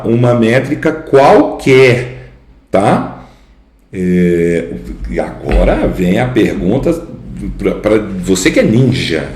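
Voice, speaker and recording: A man's voice: fairly low pitch, darkish tone. A man with a Brazilian Portuguese accent, teaching literature in a recorded lecture, chanting the beats of verse and quizzing his viewers. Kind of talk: recorded video lecture on poetry. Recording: echoey room.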